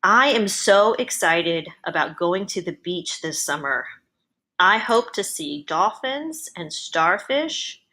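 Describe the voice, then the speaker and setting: Woman dictating in measured phrases, lower-pitched. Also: expressive, pushed and bright. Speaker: educator giving a software tutorial. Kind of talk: dictating to voice typing, measured, with punctuation spoken aloud.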